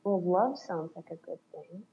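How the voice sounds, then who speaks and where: A woman's voice: lowish voice, animated, measured pace, husky, lo-fi sound. A woman on a reflective coaching call, talking thoughtfully and searching for words, laughing often. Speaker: coaching client.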